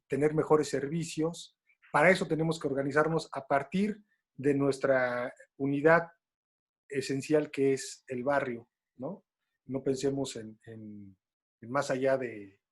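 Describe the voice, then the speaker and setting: A man with a Mexican accent moderates a panel talk in a loose, colloquial way and tells stories along the way. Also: medium pitch. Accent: Mexican Spanish.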